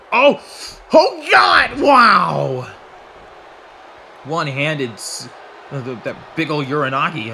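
A man doing excitable solo play-by-play of a wrestling match, swearing and breaking into shouts. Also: mid-range voice, a little hiss or hum. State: out of breath. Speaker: wrestling commentator.

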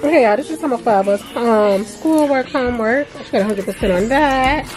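A woman's voice: on the high side, brisk, over music, rough recording. A young woman and mother chatting to viewers in a casual home vlog, laughing often and calling them y'all. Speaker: vlogger, mother. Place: small bedroom indoors. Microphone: handheld compact camera.

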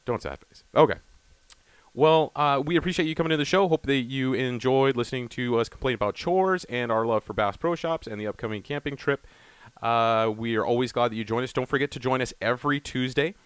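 A man hosts a casual podcast with a quick, rambling, upbeat way of talking. His voice sits at an ordinary pitch. The recording is dry and close, with no room sound. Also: clear, resonant tone, no room sound. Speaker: podcast host.

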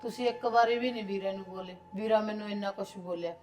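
A woman's voice: mid-range voice, fairly even intonation, fast, darkish tone, faint music behind, close to an everyday voice. A woman playing a hurt, stubborn married daughter who complains to her father. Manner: complaining and reproachful. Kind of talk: short film acting.

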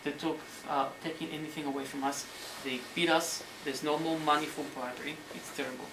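A man lecturing on history as a story, animated and sometimes searching for words, acting out the quotes. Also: fairly high pitch, fairly quick. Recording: roomy hall, mic at a distance, faint noise.

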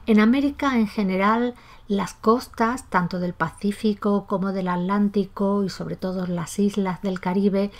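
A woman teaches a pronunciation lesson in a calm, methodical way. She says example words aloud to show the sounds, and she aspirates the final S in her own speech. Her voice sits at a middle pitch. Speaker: language teacher. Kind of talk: explanatory lesson.

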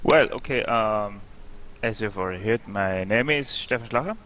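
A man from Austria, speaking, co-commentating a sim race in an unhurried, hesitant way full of ums. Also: lowish voice, fairly bright tone, slight background noise.

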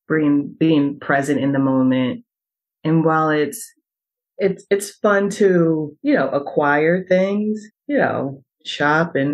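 A woman who works as a coach, a guest on a podcast, speaking in a reflective, halting way with restarts. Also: low voice, darkish tone, lo-fi sound. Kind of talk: casual podcast conversation.

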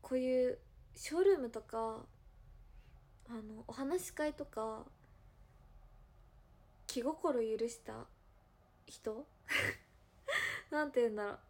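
Young woman, Hiroshima dialect, high bright voice, giggly livestream chat. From Hiroshima, Japan. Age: young adult. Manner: chatty, giggly, drawn-out musing. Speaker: idol livestreamer. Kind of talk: casual livestream chat answering viewer comments.

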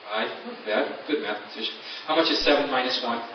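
A man's voice: medium pitch, quick pace, slight background noise. A man hosting a live stage hypnosis show, giving commanding, repetitive instructions to his participants. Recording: echoey hall, distant muffled sound, loud music.

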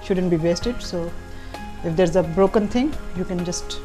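Brief: middle-aged female cooking show host from Pakistan, easygoing teaching tone, studio kitchen with soft music behind. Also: on the low side, a little slow. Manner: relaxed, instructive, addresses viewers directly. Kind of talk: cooking demonstration.

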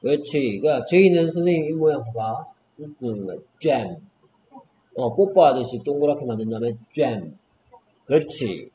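In a one-on-one online phonics lesson, a man patiently models each English sound and encourages his student. His fairly high, warm voice is brisk with hardly any pauses, on a dull lo-fi recording with faint background noise.

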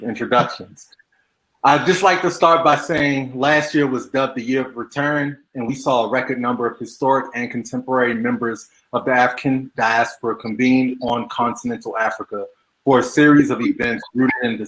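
A man's voice: medium pitch, fairly bright tone, rough recording. A man moderating an online panel over a video call, reading formal prepared remarks.

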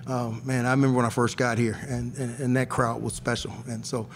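A man's voice: mid-range voice, flat delivery, brisk, a little hiss or hum. A middle-aged man, a head basketball coach, talking candidly and emphatically at a postgame press conference, often restarting his sentences, into a table mic in a press room. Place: press room in front of a sponsor backdrop.

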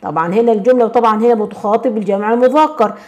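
Egyptian woman teacher, bright higher register, walks students through grammar with constant check-ins. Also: muffled recording. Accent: Egyptian Arabic. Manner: checks in constantly and prompts with questions; slows and stresses words when reading examples. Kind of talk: explaining a grammar lesson.

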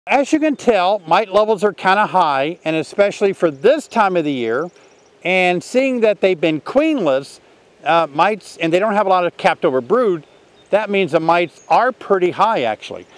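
A man in his sixties teaching a beekeeping test outdoors by the hives, talking in a relaxed, folksy way while he works. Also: sits high, moderate pace. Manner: relaxed, folksy, thinks aloud while working. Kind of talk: hands-on outdoor demonstration. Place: outdoors in an orchard beside beehives.

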